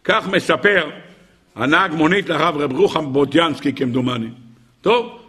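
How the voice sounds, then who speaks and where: A man, a rabbi giving a weekly Torah lesson as an animated storyteller who acts out the shouts in his stories. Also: a little high, slightly rough.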